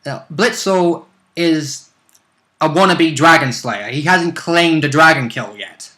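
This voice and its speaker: A man with a bright, forceful voice on the high side speaks slowly while co-hosting a casual tabletop game chat. As a co-host and player in a tabletop role-play series, he explains rules and characters in an informal, speculative, rambling fashion.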